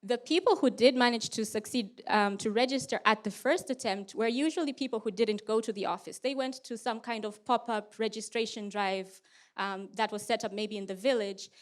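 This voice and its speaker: Woman, slightly high voice, research presenter, short conference talk, structured explanatory delivery, rhetorical questions. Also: moderate pace. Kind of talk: prepared conference lightning talk.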